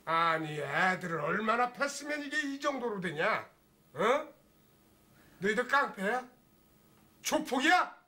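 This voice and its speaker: A man's voice: high voice, big pitch swings, unhurried, long pauses, pushed and bright, heavily acted. An actor playing a stern senior male teacher who scolds students and gives orders to a colleague. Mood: scolding. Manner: scolding, authoritative. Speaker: school teacher in charge.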